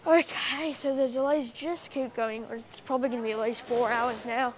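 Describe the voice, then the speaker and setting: Woman, travel vlogger, fairly high voice, dry sarcastic asides, noisy handheld recording. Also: fairly even intonation, normal speed. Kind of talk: casual travel vlog commentary. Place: airport terminal and plane cabin.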